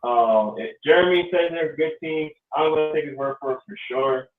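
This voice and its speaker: A man's voice: fairly high pitch, a little fast. A man hosting casual sports talk, rambling with lots of ums. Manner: loose, rambling, many ums. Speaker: podcast host. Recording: echoey, distant, phone-like audio.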